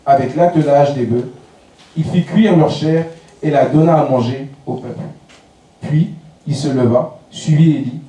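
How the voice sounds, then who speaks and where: A man reading a long scripture passage aloud in a church, steady and even. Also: medium pitch, unhurried. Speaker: scripture reader. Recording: very echoey church hall, distant mic.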